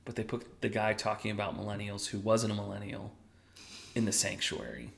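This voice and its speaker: A man's voice: on the low side, steady tone, a little fast, gravelly, a bit bright. A man co-hosting a podcast, telling a story in casual chat, self-deprecating and sometimes dropping to a whisper for emphasis. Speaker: podcast co-host.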